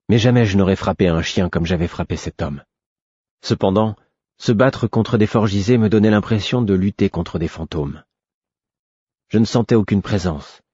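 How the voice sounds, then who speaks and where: A man reads a first-person novel in a measured, steady storytelling voice. His tone is low and husky, dark in colour, and the recording sounds dry and muffled, with a lo-fi dullness. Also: no room sound. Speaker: audiobook narrator. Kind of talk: scripted first-person narration.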